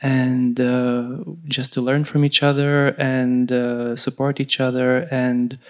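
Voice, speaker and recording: A man with a Lithuanian accent introducing himself as a panel guest in a hesitant, halting way. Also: mid-range voice, little pitch movement, smooth. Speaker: guest panelist, community radio co-founder.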